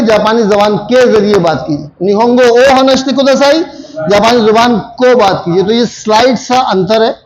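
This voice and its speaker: A man's voice: high-pitched, low-quality recording. A man teaching a Japanese grammar lesson to a classroom of students, repeating phrases and quizzing them with frequent questions.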